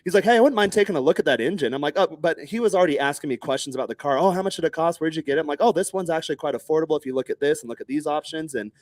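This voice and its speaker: Brief: man in his thirties from Texas, animated storyteller in a rapid, dry-sounding podcast chat. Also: fairly high pitch, no room sound. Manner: animated, acts out other people's lines in raised voices, swears freely.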